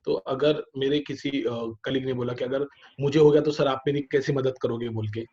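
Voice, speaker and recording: A man's voice: medium pitch, steady tone, moderate pace, dark tone. Indian man, partner group member, courteous and deferential, lo-fi call audio. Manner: polite, deferential, keeps saying sir. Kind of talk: online webinar question. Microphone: video call.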